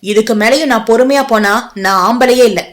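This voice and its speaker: Woman doing a bitter young husband, high voice, harsh and accusing, audiobook. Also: animated, normal speed, fairly bright tone. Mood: furious.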